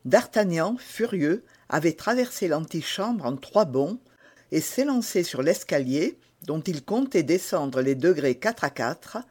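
A man reading a classic novel as an audiobook narrator, in a measured, expressive storytelling manner. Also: fairly high pitch, husky.

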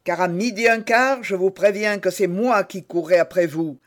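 A man's voice: high voice, moderate pace, close to an everyday voice. Man doing a proud musketeer, cold and haughty, menacing, raised voice, audiobook. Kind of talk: audiobook character voice.

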